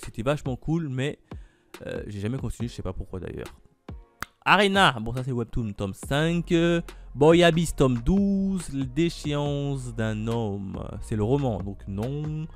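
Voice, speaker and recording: A man's voice: medium pitch, expressive, unhurried, soft background music. A man casually going through upcoming manga releases, thinking aloud with lots of fillers as he reads titles off a list. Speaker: manga YouTuber.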